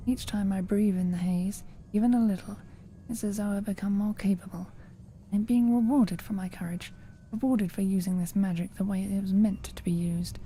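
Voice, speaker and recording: A woman voicing a secretive witch who reads her journal in an earnest, self-justifying, measured way. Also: medium pitch, dark tone, slight background noise, close to an everyday voice. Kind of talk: recorded game voice-over.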